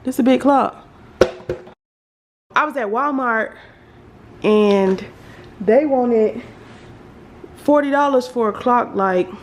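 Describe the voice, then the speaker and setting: Woman, Southern American accent, mid-range voice, informal home vlog, rambling, thinking aloud, noisy indoor recording. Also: medium pitch. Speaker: home makeover vlogger. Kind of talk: casual chat to viewers during a house tour. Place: indoors, rooms of a house. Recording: noisy handheld home recording, household ambience. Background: clear background noise.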